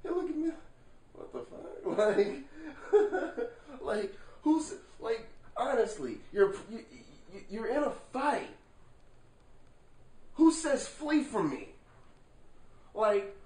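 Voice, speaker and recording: A man talking to the camera in a casual vlog monologue, animated and rhetorical, swearing freely and checking in with the viewer. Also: high-pitched. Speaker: vlogger. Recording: echoey room, far from the mic.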